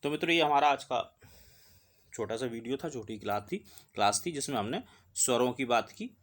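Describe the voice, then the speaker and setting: A man's voice: mid-range voice, animated, a little fast, fairly bright tone. Man teaching a patient explanatory lesson. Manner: explanatory, asks and answers his own questions. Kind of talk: exam-prep lesson.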